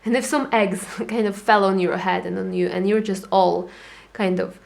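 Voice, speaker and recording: A young adult woman giving a casual tarot reading, chatty and animated, acting out little inner voices as she talks. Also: mid-range voice, normal speed, creaky. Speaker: tarot reader.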